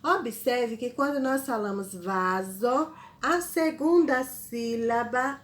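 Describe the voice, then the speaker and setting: A woman teacher, giving a spelling lesson to children slowly and patiently, spelling out syllables. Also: on the high side. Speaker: primary school teacher.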